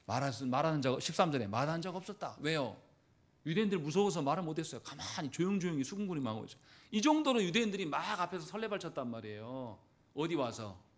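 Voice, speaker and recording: A man pastor, delivering a Sunday sermon in a church. His voice sits a little high and swings widely in pitch. He acts out quoted speech with sudden loud bursts. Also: quick pace. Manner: lively preaching, acting out quoted lines with sudden loud bursts. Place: church sanctuary.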